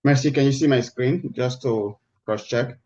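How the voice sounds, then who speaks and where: A man teaching a live online class, heard through a screen-recorded video call, talking in a halting way with many restarts. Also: medium pitch, a little mellow, muffled recording. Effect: screen-recorded video call audio. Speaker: instructor. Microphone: computer mic on a video call.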